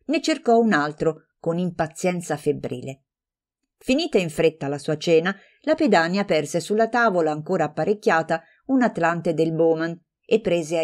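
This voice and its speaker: A woman narrating a classic novel as an audiobook, reading in a measured, expressive way. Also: deep voice.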